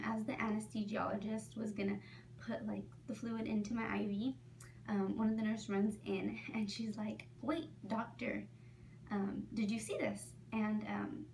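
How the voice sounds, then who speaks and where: A teenage girl with a gravelly, creaky edge tells her story as a casual vlog, filling pauses with "um" and "like" and often sinking to a near whisper. She sits back from the mic, and a faint hum of background noise sits under her voice. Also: medium pitch, a little mellow, recorded from a distance. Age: late teens. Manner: chatty, full of "um" and "like", often drops to a near whisper. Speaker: vlogger.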